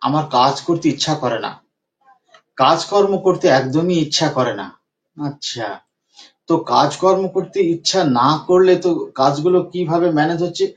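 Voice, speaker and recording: A man's voice: on the high side, moderate pace. A man working as a homeopathic doctor, retelling a patient's case and repeating phrases for emphasis. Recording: dull lo-fi recording.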